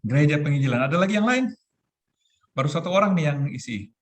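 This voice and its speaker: A man in his forties giving a relaxed, chatty youth talk over a video call, laughing often. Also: fairly high pitch, fast talker. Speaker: youth ministry speaker.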